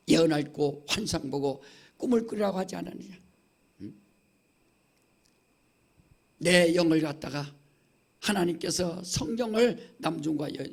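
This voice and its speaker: A middle-aged male pastor with a Chungcheong accent preaches in a church, emphatic and insistent, checking in with the congregation again and again. His voice sits high for a man and carries a gravelly fry. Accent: Chungcheong Korean. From Chungcheong, Korea. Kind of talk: sermon. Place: church sanctuary.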